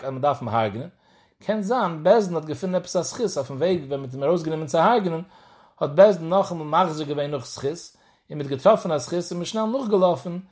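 A man teaching a Talmud lesson in Yiddish, explaining in a study singsong and repeating phrases as he works through the text. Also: a little high.

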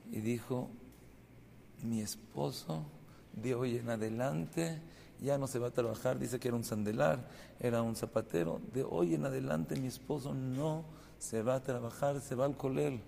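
Gravelly man telling a story in an echoey hall. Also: mid-range voice, normal speed, a little hiss or hum. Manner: animated storyteller, acts out dialogue, rises to loud emotional peaks. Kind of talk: Torah class storytelling.

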